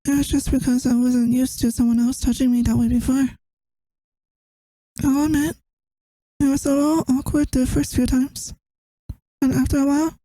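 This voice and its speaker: Soft, mellow girlfriend in ASMR role-play, acted by a woman. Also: sits high, poor audio. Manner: tender, intimate, soft-spoken. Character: tired, affectionate young girlfriend missing her partner.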